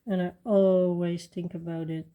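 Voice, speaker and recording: A woman chatting casually while she colors, soft-spoken and rambling with fillers and restarts. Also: on the low side, level tone, measured pace, clean tone, narrow, tinny audio. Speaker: coloring channel host.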